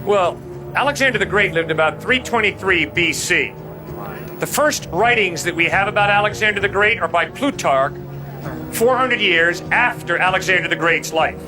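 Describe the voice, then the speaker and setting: The recording is low quality, with music clearly audible as a high-voiced man debates apologetics outdoors with real passion. He's animated, keeps a normal speed, and talks in an emphatic, everyday way full of rhetorical questions.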